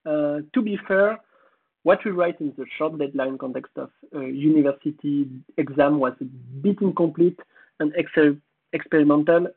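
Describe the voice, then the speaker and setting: A man with a French accent and a hoarse voice, giving a technical conference presentation in a halting way, pausing to search for words. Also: fairly high pitch. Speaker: conference speaker. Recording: tinny phone-like audio.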